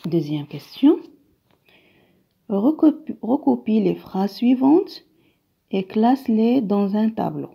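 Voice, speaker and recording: A woman's voice: mid-range voice, lively intonation, takes it slowly, gravelly, long pauses, slightly rough. A woman teaching a grammar lesson, patiently repeating each phrase and often dropping to a whisper. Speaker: primary school teacher. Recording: dull lo-fi recording.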